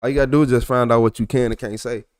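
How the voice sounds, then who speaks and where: Speaking very fast in a medium-pitched, darkish voice with fairly even intonation, this young adult man has a thick Texas accent. He's casually chatting on a livestream and responding to messages from viewers. The audio is clean studio quality with no room sound.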